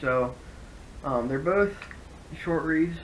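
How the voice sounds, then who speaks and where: Man giving a casual review, noisy rumbly recording. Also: slow pace. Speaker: hunting gear reviewer. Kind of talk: casual product review to camera.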